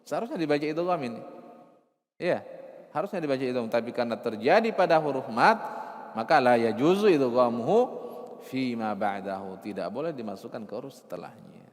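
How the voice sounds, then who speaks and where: A man teaching recitation rules, explaining with rhetorical questions and repeating key terms, sometimes slowly chanting verses. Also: medium pitch, lively intonation, in a large hall. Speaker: Arabic and Quran recitation teacher.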